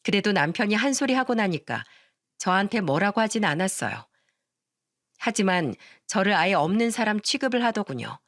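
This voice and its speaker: A woman narrating a scripted first-person family drama in a calm, even way. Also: medium pitch, moderate pace, no echo, studio quality. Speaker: storyteller.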